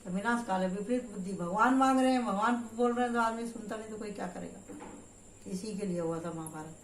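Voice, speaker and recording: An older woman reads tarot cards and tells spiritual stories in a loud, emphatic, lecturing voice. Her pitch sits in the middle of the usual range for a woman. She is recorded in a roomy space with a clear echo. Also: a little fast, far from the mic, a little hiss or hum. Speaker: tarot reader. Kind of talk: spiritual tarot reading with storytelling. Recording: roomy echoey room.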